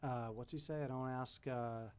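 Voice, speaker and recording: A man's voice: medium pitch, fairly even intonation, normal speed, a little mellow, smooth. A man from the Pacific Northwest, a podcast host, talking casually in a rambling, hesitant way. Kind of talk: casual chat.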